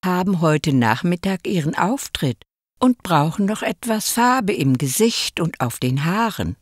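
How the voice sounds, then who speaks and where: A woman voicing a brisk male puppet theater director in a read-aloud fairy tale. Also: fairly low pitch, sing-song, no echo, clean studio sound.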